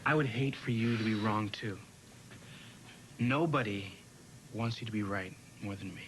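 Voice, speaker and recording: A man's voice: lowish voice, moderate pace, fairly bright tone, slight background noise, lightly acted, low-quality recording. An actor playing a wry, joking young man, a loyal best friend, in a 1990s daytime soap opera.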